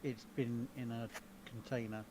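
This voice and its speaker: A man's voice: medium pitch, level tone, measured pace, mellow, rough recording. A man playing a tabletop role-playing game, speaking hesitantly and casually. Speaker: player. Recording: clear background noise.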